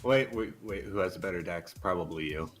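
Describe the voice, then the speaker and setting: A man's voice: deep voice, a little fast, a bit bright, soft background music. A man playing a tabletop game over voice chat, playful with dramatic outbursts. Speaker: player. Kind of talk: casual gaming chat.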